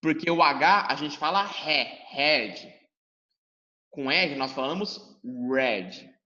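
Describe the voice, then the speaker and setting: In a dull recording with long reverb, a Brazilian teacher gives a lively lesson, addressing students and acting out their questions. He speaks slowly in a rather high, bright voice with a forceful tone, and his accent is Brazilian Portuguese.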